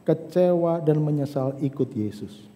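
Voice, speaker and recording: A male pastor preaching a sermon, speaking straight to his congregation and moving between hushed, slow passages and fervent, rising ones. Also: a little high, animated. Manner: addresses congregation directly, swings from hushed to fervent. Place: church service. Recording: church hall reverb.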